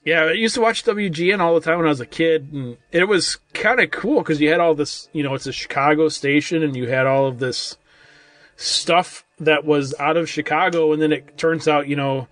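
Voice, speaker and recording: Chatty podcast dude rambling about movies, kinda high voice, dry close sound. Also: male voice, normal speed, fairly bright tone, no room sound. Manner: rambling, full of "like" and "I mean", restarts a lot. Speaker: podcast co-host. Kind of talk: casual movie-review chat.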